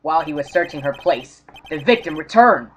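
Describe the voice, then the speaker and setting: An actor playing an earnest, excitable young male defense lawyer with dramatic emphasis in a video game fandub. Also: mid-range voice, a little fast, natural voice. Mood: relieved, explanatory. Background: game music.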